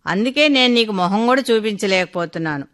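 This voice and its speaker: An anxious, remorseful older father, worried and unsure as a woman narrator voices him. The tone is bright and sharp, read out as a radio story. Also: mid-range voice, animated, a little fast, close to an everyday voice. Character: older man, guilt-ridden anxious father. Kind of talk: storybook reading.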